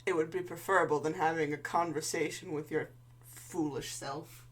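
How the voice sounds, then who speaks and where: A woman's voice: low-pitched, steady tone, moderate pace. A woman voicing a wounded, taunting male scientist villain in a tabletop game, sardonic through his pain. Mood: scornful.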